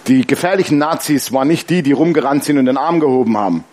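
A pastor with a medium-pitched voice talks fast while preaching a sermon. He tells lively stories with laughter and asks the congregation questions in a call-and-response style.

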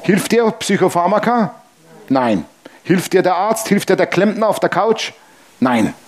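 Fervent, joking pastor, slightly high voice. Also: male voice, big pitch swings, measured pace. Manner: fervent, joking, speaks straight to listeners. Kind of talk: sermon.

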